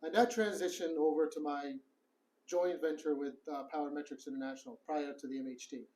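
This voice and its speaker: Higher-voiced man explaining tech steadily. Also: fairly even intonation, fairly quick, a little mellow, rough recording. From Morocco. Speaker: guest, tech co-founder. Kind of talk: explaining in an interview. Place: office in the city.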